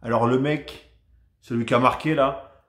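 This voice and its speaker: A man from France giving a casual, rambling football match debrief to his viewers, chatty and animated. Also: mid-range voice, a little slow, echoey room. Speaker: football vlogger.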